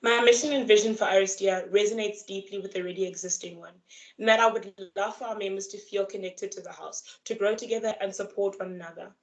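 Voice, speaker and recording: A young woman on a video call, reading her prepared campaign speech in an earnest, formal way. Her pitch sits mid-range for a woman, and her pace is steady and measured. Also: rough recording. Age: young adult. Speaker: student election candidate.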